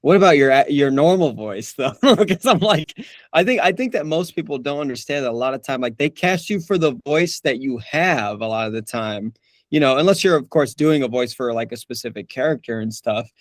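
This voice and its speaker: Speaking briskly in a mid-range voice, a young male voice actor gives a casual interview, laughing often and restarting sentences amid many fillers. It's a dry, studio-quality recording.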